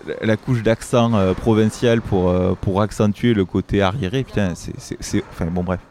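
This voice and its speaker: Low-voiced guy hosting a movie review show, worked up and rambling. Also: steady tone, moderate pace, a little mellow, a little hiss or hum. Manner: indignant, rambling with restarts. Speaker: film review show host. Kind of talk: casual chat.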